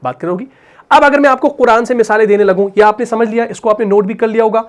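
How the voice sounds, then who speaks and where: A male teacher explaining Arabic grammar in Urdu with a Pakistani accent. He asks questions and answers them himself, and at times recites Quran verses slowly. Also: sits high. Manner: repeats questions and answers them himself, adds "bhai" and "theek hai na". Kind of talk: explaining grammar while writing on a board.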